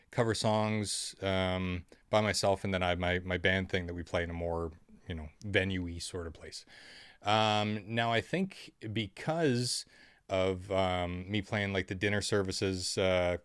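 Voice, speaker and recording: A man's voice: lowish voice, dry recording, studio quality. A musician, a man, telling rambling stories to camera in a sardonic, offhand way, with lots of ums. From Canada. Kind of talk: casual storytelling monologue.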